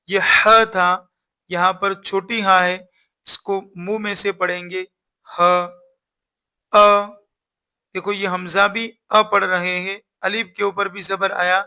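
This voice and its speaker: A man's voice: high voice, gravelly, bright, forceful tone. A man teaching Quran reading in a recorded lesson, patiently repeating instructions and sounding out the letters one by one.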